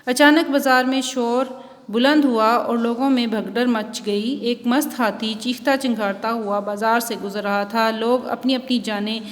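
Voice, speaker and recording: Woman teacher, high voice, slow careful reading, long echoing reverb. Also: fairly even intonation. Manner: reads textbook examples and a story aloud, explaining slowly. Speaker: school teacher. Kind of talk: online Urdu class lecture.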